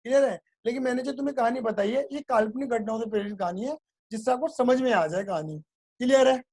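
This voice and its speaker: Male tutor with a high-pitched voice, playful classroom storyteller, checks understanding constantly. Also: quick pace, darkish tone. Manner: playful, keeps asking if it is clear, makes sound effects. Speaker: teacher.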